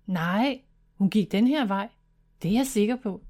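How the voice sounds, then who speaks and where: A woman's voice: mid-range voice, lively intonation, a little mellow, lightly acted. A woman voicing a bold, decisive older sister in a children's storybook, speaking firmly. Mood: determined.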